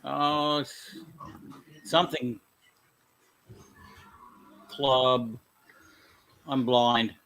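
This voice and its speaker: A man's voice: medium pitch, fairly even intonation, extremely slow, long pauses, a bit bright. A man hosting a casual livestream chat about his comic collection, often stammering and restarting his sentences.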